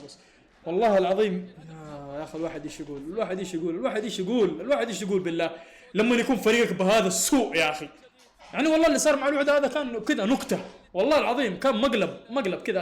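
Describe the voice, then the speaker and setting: A man, reacting live to a football match, excitable and exasperated, often laughing. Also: high-pitched, roomy sound.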